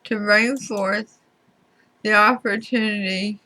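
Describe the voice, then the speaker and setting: A woman giving a tarot reading to viewers in deliberate short phrases, her speech slightly slurred as if from a swollen mouth. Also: mid-range voice, fairly even intonation, sharp tone, low-quality recording. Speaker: tarot reader.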